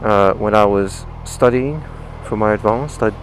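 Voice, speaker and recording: A man's voice: fairly low pitch, a little slow. A British man vlogging casually and explaining things as he rides, his voice recorded inside a motorcycle helmet. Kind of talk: casual explanatory vlog talk while riding. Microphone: microphone inside the helmet. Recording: clear engine, wind and traffic noise.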